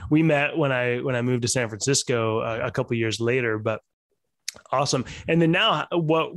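A man's voice: mid-range voice, no room sound, studio quality. A man in his forties hosting an interview from his home office, asking questions with friendly enthusiasm. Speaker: host. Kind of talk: casual interview conversation.

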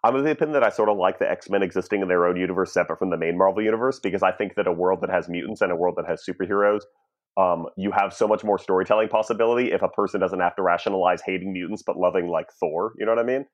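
A man co-hosting a podcast in casual chat, relaxed and explaining his opinions at length. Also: low-pitched, racing. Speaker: podcast co-host. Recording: dull lo-fi sound.

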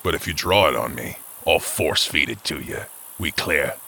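A man's voice: a bass voice, moderate pace, creaky, sharp tone, husky, voice pushed down, heavily acted. A man voicing a menacing male giant with a grim, surly, growling manner. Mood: threatening. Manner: growling, threatening.

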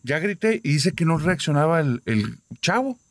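A man's voice: on the high side, normal speed. A man casually retelling a listener's ghost story on a podcast. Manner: casual, lively retelling with many quoted voices.

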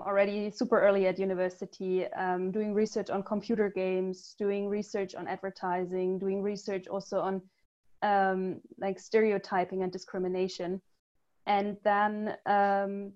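A woman from Germany speaks as a guest on a podcast interview. She talks thoughtfully, pausing on ums and restarting her sentences. The audio comes through somewhat dull and muffled. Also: mid-range voice, darkish tone. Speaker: guest, user research lead.

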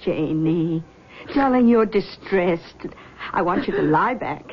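A woman playing a middle-aged, genteel mother in a drama, soothing and measured, with a subtly manipulative, coaxing manner. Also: lowish voice, lively intonation, highs cut off, slight background noise. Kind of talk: scripted drama acting.

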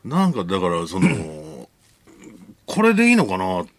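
Man, low voice, lively, casual radio chat, dry studio sound. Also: normal speed, no echo. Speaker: radio host, comedian.

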